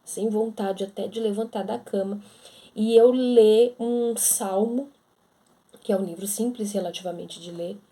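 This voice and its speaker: A woman's voice: medium pitch, steady tone, unhurried, mellow. A woman giving casual Bible teaching to women, talking conversationally and acting out quoted objections.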